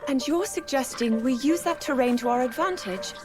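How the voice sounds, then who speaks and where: A woman playing a gentle, earnest young princess in a video game cutscene. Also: high voice, moderate pace, music in the background, lightly acted. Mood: resolute.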